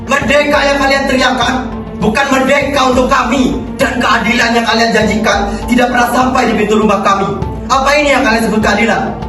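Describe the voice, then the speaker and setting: A woman's voice: a little high, fairly even intonation, a little fast, lightly acted. A young woman playing a tragic heroine, a poor chained prisoner pleading in anguish in a theatrical monologue. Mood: grieving, accusing. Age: teenager. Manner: anguished, pleading, dramatic declamation. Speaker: student actor in a theatre monologue. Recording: echoey hall from far off, music behind. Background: music.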